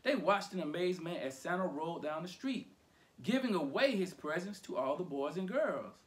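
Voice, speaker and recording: A man reading a children's picture book aloud for storytime. His voice is high for a man and swings widely, full of playful lilt. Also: very animated, moderate pace.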